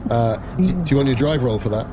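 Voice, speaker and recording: A man playing a tabletop role-playing game, casually telling what his character does, with halting repeated words. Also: medium pitch, animated, background noise. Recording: loud music bed under the talk. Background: music.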